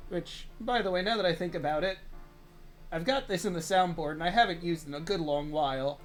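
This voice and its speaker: A man with a fairly high voice runs a tabletop game, calling out rolls and moving the enemies in a relaxed, chatty way. Soft music plays faintly behind him. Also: a little fast. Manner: easygoing, laughs often, narrates dice rolls. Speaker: game master. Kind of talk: running a tabletop game over voice chat.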